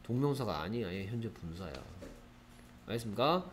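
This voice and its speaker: Lively male English grammar teacher. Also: fairly low pitch, a little fast, slight background noise. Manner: lively, checks in with frequent rhetorical questions. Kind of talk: grammar lecture to students.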